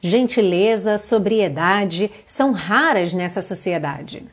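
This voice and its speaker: This Brazilian woman teaching English online reads lyrics deliberately and slowly, then translates them. She has a mid-range, expressive voice with a breathy edge.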